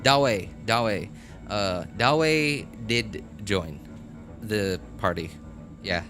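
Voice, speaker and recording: On a gaming livestream with background music, a man speaks slowly and expressively in a lowish voice. He chats casually, rambles, corrects himself as he goes and chuckles now and then.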